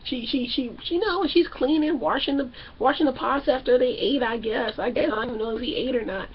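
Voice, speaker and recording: A woman's voice: high voice, fairly quick, breathy edge, lo-fi sound. A woman hosting a casual comedic TV recap in a brash, profane way, putting on voices for the people she describes. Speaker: TV show recap host.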